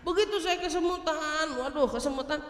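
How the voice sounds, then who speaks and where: A woman preacher giving a lively, humorous religious talk, laughing often and acting out what people say. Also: sits high, normal speed, echoey room, in a large hall. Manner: animated, humorous, acts out quoted speech; laughs often while speaking.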